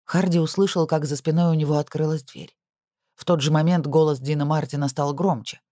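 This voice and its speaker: A man's voice: on the high side, steady tone, fairly quick, dark tone, no echo. Man narrating a thriller audiobook, dry. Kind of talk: scripted narration.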